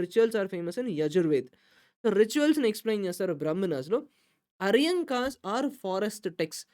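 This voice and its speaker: A woman tutor giving an exam-prep lecture. She switches between Telugu and English, rushing through the Telugu and slowing down for the English, and keeps stressing which points are important. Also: medium pitch, darkish tone.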